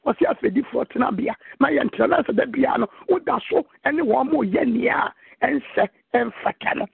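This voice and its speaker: A man's voice: extremely high pitch, animated, normal speed, creaky, husky, no room sound. A man with a Ghanaian accent preaching a sermon that moves between his local language and English, quoting scripture. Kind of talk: sermon mixing Twi and English. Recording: tinny phone line.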